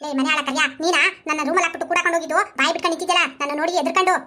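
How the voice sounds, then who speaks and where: Woman doing a shrill scolding old mother-in-law. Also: steady tone, pushed and bright. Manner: shrill rapid cursing. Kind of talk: animated comedy cartoon voice.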